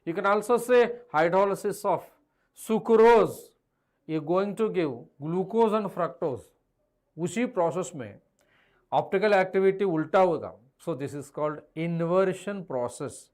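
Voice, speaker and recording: A man's voice: high-pitched, fast, darkish tone. A man with an Indian accent lecturing in a live online class, emphatic and repeating key phrases, mixing English with Hindi. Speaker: chemistry teacher.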